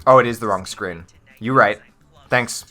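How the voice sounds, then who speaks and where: A man's voice: mid-range voice, a little slow, bright, forceful tone, faint music behind. A man hosting a casual game livestream, talking to chat in a playful, chatty, goofy way. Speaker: streamer.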